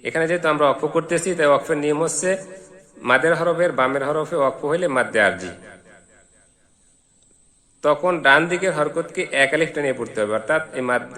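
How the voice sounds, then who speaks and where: Bright-voiced man teaching Quran reading. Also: fairly high pitch. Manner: spells out letters and vowel marks syllable by syllable, then chants verses slowly. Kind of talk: Quran recitation lesson. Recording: long reverberant echo.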